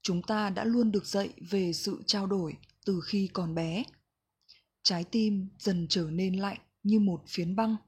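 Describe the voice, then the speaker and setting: A woman reading a reflective book passage aloud in a slow, gentle, measured way. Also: medium pitch, steady tone, husky. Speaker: book reader.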